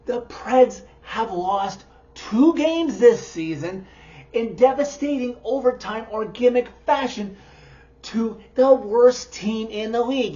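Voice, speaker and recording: A woman's voice: fairly high pitch, warm tone, lo-fi sound. A woman giving opinionated post-game sports commentary in an exasperated, emphatic manner. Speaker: sports podcast host.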